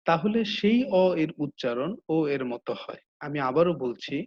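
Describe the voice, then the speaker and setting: A man's voice: a little high, expressive, unhurried. A male teacher with a Bangladeshi Bengali accent gives a slide-based grammar lesson, patiently repeating each rule twice. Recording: dull lo-fi audio.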